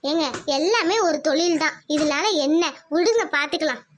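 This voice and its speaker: A woman's voice: high-pitched, moderate pace, slight background noise, natural voice. A woman voicing a spirited, practical young wife in a village cartoon, firm and persuasive.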